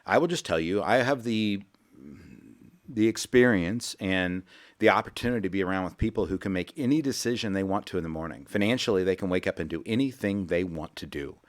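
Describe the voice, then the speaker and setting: In a radio studio, a man with a low, brisk voice hosts a financial radio show, rambling in a folksy way and repeating his words. It is casual radio talk with a sales pitch.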